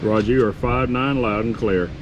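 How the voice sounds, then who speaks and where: Outdoors with a camera resting beside his radio on a campsite table, a courteous man does amateur radio contest calling, repeating call signs in the phonetic alphabet. He speaks at normal speed in a mid-range voice against clear, constant outdoor noise.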